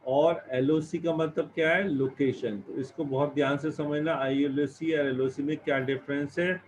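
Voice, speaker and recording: A man's voice: on the high side, fairly even intonation, moderate pace. A male teacher giving a classroom lesson, explaining each step and asking and answering his own questions. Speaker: computer science teacher. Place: classroom with students. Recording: dull lo-fi recording with faint background noise.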